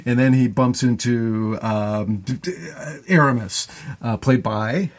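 A man's voice: medium pitch, measured pace. A man co-hosting a podcast, recapping a classic film in casual, rambling talk full of fillers and restarts. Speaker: podcast co-host.

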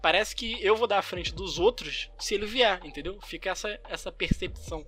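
High, bright-voiced Brazilian man telling stories. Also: brisk, faint music behind. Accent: Brazilian Portuguese. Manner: animated storyteller acting out the people in his stories. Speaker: podcast co-host. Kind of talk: casual chat, anecdote telling.

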